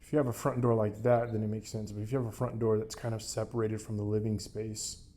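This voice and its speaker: A man's voice: on the low side, level tone, fast, warm tone. A man chatting casually to his vlog during a cold plunge, in a rambling way that repeats phrases for emphasis. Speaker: vlogger doing a cold plunge challenge.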